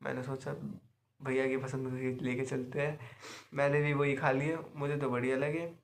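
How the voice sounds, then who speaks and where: A man's voice: mid-range voice, level tone, moderate pace. A young man casually recounting his day for a video diary, chatty and repetitive, mixing in English words and laughing now and then. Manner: chatty, repeats himself, mixes English words, laughs often. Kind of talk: casual storytelling.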